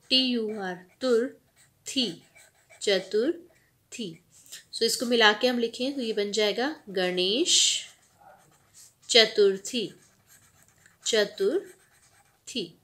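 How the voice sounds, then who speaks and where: A woman's voice: medium pitch, fairly bright tone. A woman channel host teaching children's spelling, breaking words into syllables and calling out each letter in a patient, explanatory way. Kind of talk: spelling lesson mixing Hindi and English.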